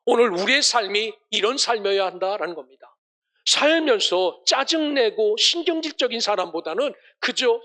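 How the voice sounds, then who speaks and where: A man's voice: sits high, pushed and bright. A male pastor preaching a Sunday sermon, asking rhetorical questions and ending passages with blessings.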